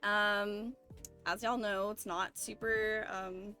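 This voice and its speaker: A woman's voice: medium pitch, little pitch movement, takes it slowly, sharp tone, smooth. A young woman talking casually on a group stream, telling her story in an earnest, reflective way with plenty of "like". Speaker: member of a streamer group of artists. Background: background music.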